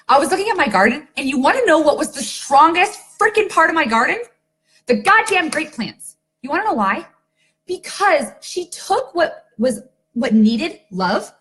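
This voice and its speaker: A woman in a casual live-video talk to her sales team, fairly high-voiced and very lively in pitch. She tells stories in a chatty, loose way, leaning on "like" and checking in with "okay?" and "right?" as she goes. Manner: chatty, lots of "like" and "okay?", animated storytelling. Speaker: network marketing team leader.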